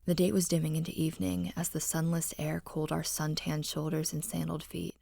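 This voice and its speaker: A woman narrating a scary story in the first person with a low, husky, breathy voice and a hushed, haunting delivery. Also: little pitch movement, a little fast, no echo, studio quality.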